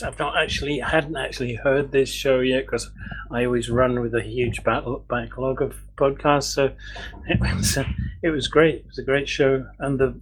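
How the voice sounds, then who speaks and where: A man's voice: mid-range voice, a little hiss or hum, low-quality recording. Agreeable man co-hosting a podcast. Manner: agreeable, quick to laugh and affirm. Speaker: podcast co-host. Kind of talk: casual podcast chat.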